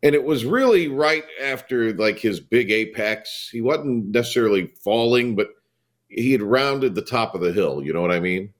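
A man's voice: medium pitch, animated, normal speed. An American man hosting a sports radio show in a casual, chatty, blunt and teasing way. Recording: studio broadcast, faint music behind. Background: music.

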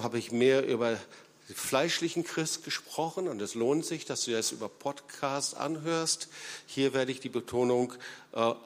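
A man preaching a sermon as pastor, emphatic, with big swings in loudness and frequent hesitation fillers, in a church hall. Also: mid-range voice. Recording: long hall reverb.

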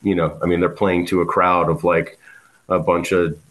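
A man's voice: low voice, level tone, moderate pace, fairly bright tone. A man, a guest musician telling stories in a casual interview, rambling with many fillers and restarts. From South Florida.

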